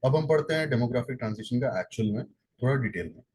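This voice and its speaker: Man, Indian accent, husky voice, steady explaining teacher, repeats himself. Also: mid-range voice, fast talker, poor audio. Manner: explains step by step, repeats points, frequent fillers and self-corrections. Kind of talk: exam-prep lecture in Hindi-English mix.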